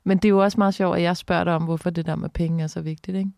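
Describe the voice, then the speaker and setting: A woman journalist speaking as a guest in an interview, frank and lively in her talk. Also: lowish voice, vocal fry, no echo, clean studio sound. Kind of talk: casual conversational interview.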